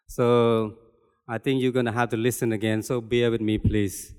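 An older Cambodian-accented man preaches his testimony in a plain, earnest way, repeating himself as he searches for words. His voice is smooth and resonant, with a long reverb trailing off in a church hall. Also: medium pitch, flat delivery, darkish tone. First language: Khmer. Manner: earnest, halting, plainspoken with repetitions. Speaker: lay preacher. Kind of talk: personal testimony sermon.

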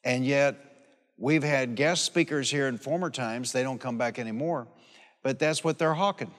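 An older preacher man with a mid-range voice and moderate pace addresses a congregation in a reverberant hall or church, long reverb on the live sermon. Folksy and emphatic, he repeats phrases for emphasis, tells personal anecdotes, and calls for amen.

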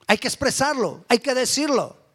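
High-voiced fervent male preacher. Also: sing-song, moderate pace, a bit bright. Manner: fervent, repetitive preaching with rhetorical questions. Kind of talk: sermon.

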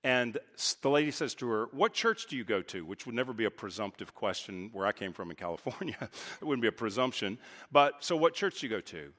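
A man's voice: animated, fairly quick, a bit bright. Emphatic preaching man in a big hall. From Texas. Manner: preaching with emphatic swings in pitch and volume. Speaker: pastor. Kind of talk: sermon. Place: church sanctuary. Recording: reverberant church hall.

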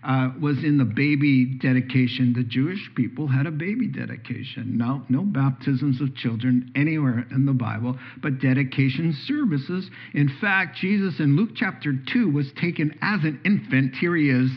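A man preaching a sermon with animated delivery, jumping up in pitch for quoted speech and chuckling now and then. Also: normal speed, hardly any pauses, highs cut off. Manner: animated, jumps into high voices for quoted speech, chuckles often. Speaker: pastor.

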